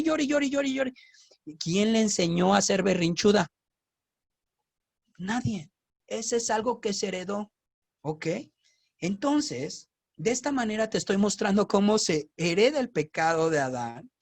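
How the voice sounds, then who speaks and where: Animated Mexican preacher man. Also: sits high, moderate pace. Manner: animated, asks the audience rhetorical questions. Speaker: preacher teaching scripture. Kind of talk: casual Bible teaching.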